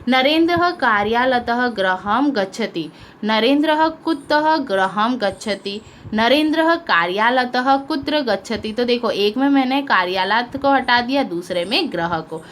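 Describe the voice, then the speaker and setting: A woman's voice: fairly high pitch, expressive, measured pace, a bit bright, a little hiss or hum. Patient woman teacher explaining line by line. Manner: patient, asks pupils questions, translates line by line. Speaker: school teacher. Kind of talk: explaining a Sanskrit lesson in Hindi.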